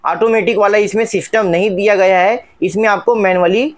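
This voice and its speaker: A man's voice: high-pitched, steady tone, fairly quick. A man narrating a casual product unboxing for viewers, chatty and repetitive, often pointing things out. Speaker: tech reviewer.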